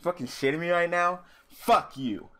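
A man's voice: fairly high pitch, lively intonation, normal speed, pushed and bright, slight background noise. A young man hosting a casual card game commentary, swearing constantly and ranting about losing. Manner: swears constantly, ranting and furious over a loss. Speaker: host.

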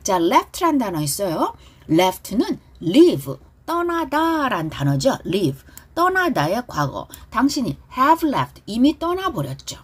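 Breathy woman teaching English song pronunciation. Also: fairly high pitch, huge pitch swings. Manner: slow drawn-out lyric recitation between quick explanations. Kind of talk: pronunciation lesson with lyric drills.

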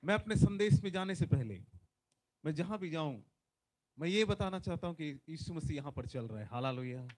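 The recording is rough: a fairly high-pitched man in his forties, a visiting preacher, speaks at normal speed with lively intonation. He preaches and prays on a large conference stage into a handheld mic, fervent and emphatic, calling out hallelujah over and over in loud bursts.

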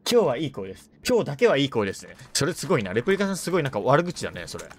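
A woman streams a shooter game and chats casually with viewers, rough and tough-talking, with loud outbursts as she plays. Her delivery is fast and her pitch swings widely. A faint hiss and some clicks sit under the voice. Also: big pitch swings. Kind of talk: casual live-stream chat while playing.

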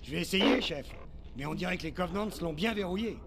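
A man's voice: high voice, quick pace, very noisy. A man playing an uneasy, hesitant marine private in a French video game, answering his superiors. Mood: reluctant.

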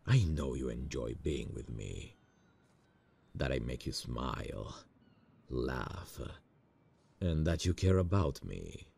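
Acting as an earnest, tender boss in a romantic audio roleplay, a man uses a voice that is extremely low and very deep, husky, gravelly and fry-laden. His delivery is animated and exaggerated yet slow, soft-hearted and hesitant, intimate like a nervous man in love.

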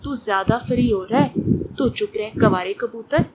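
A woman's voice: fairly high pitch, normal speed. A woman narrating a romance novel, reading all the parts in her own voice. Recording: noisy recording with clicks.

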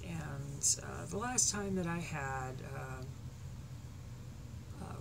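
With a fairly low-pitched, scratchy voice and audible vocal fry, a woman in her thirties gives her supporters an offhand, unscripted update, hesitating and rambling with lots of ums. The artist records on a desk webcam in a cluttered little bedroom at night, and the audio is noisy.

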